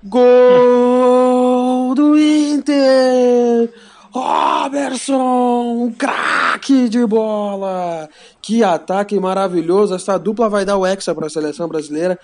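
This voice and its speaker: A man doing explosive football goal commentary with drawn-out shouts. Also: high-pitched. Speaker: football talk show panelist. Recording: music behind the voice.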